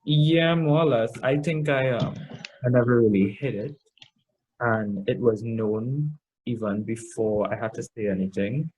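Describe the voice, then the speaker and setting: A man with a Trinidadian accent chatting casually, a little drunk and halting as he searches for his words. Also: mid-range voice, a little mellow, slightly rough, low-quality recording. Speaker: guest in a makeup challenge video. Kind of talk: casual chat.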